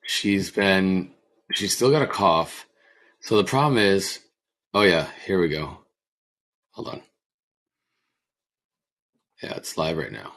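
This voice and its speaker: A man hosting a casual podcast, his voice hoarse and croaky like a frog because he is sick. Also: deep voice, lively intonation, slow pace, pauses often, a bit bright. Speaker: podcast host.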